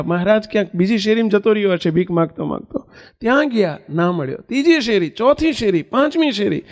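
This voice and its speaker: A man telling a devotional story as a sermon, animated, acting out the dialogue himself. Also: vocal fry. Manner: animated, acts out dialogue with raised pitch; chants a hymn verse slowly. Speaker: preacher telling a religious story. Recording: long hall reverb.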